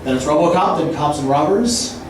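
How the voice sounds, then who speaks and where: A man's voice: a little high, expressive, brisk. A man performing an escalating stand-up comedy rant, theatrically rambling through chains of wordplay and rhyme, recorded live. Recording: very echoey room, distant mic, clear noise.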